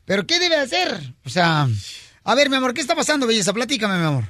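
A man hosts a radio comedy show with a very high, bright voice. His pitch bounces around as he jokes and teases. He repeats lines for comic effect. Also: sing-song, quick pace, no echo. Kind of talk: comic radio banter and joke-telling.

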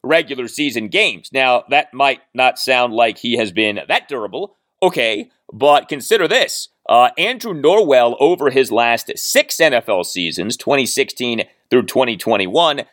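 Male host, solo football analysis, very animated delivery, dead-dry room. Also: medium pitch, a little slow, hardly any pauses, no echo. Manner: lively, emphatic, repeats key points. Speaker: podcast host. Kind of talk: solo sports podcast analysis.

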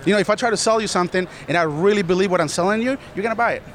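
Male guest from Colombia, earnest and rambling, slightly high, light outdoor noise. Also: very fast. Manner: earnest, rambling, many "you know"s. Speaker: studio manager, guest. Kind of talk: casual interview answers.

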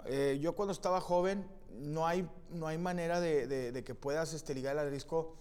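A man's voice: on the high side, moderate pace, a little mellow, smooth. A man with a Mexican accent co-hosting a podcast, chatting casually with crude jokes and acting out scenes. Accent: Mexican Spanish. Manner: crude, joking, acts out scenes. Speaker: podcast co-host. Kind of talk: casual comedic chat. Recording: long reverb.

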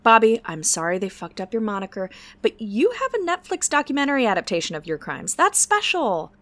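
A woman's voice: mid-range voice, big pitch swings, brisk, fairly bright tone. A woman in comedic dialogue, playful and breezy.

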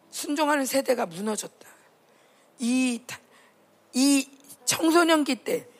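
A woman's voice: on the high side, creaky, a bit bright, breathy edge. A woman preaching to young people at a camp, emphatic, often asking the audience questions. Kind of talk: sermon.

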